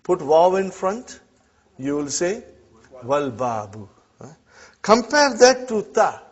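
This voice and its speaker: This male teacher talks slowly in a high-pitched voice with big swings in pitch. He leads an Arabic class despite not being a native speaker, frequently asking "huh?" and "okay?" to check on his students. It's a classroom lesson captured in dull lo-fi audio.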